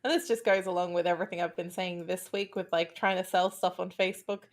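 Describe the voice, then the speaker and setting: A woman's voice: fairly low pitch, steady tone, fast. A woman on a podcast, bluntly venting with exasperation in a casual chat. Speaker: podcast guest.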